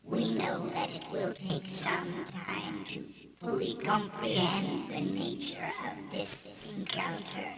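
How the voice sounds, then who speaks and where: A woman voicing a calm, solemn alien envoy, speaking slowly and formally in a whispery, creaky voice. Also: fairly low pitch, a loud crowd, full character voice. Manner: slow, measured, formal delivery. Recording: echoey, distant game audio.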